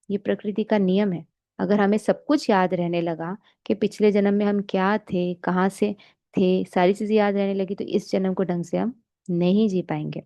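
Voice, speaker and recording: A woman giving a calm, explanatory spiritual meditation lesson, asking rhetorical questions as she teaches. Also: medium pitch, no room sound. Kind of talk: spiritual lecture mixing Hindi and English.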